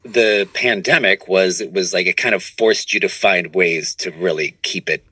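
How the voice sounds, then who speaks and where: Recorded in a home studio with no room sound, a podcast guest who works as an improv comedian and producer rambles through a casual interview, correcting himself with frequent false starts. His voice sits low and sounds bright, forceful and slightly rough at a normal speed.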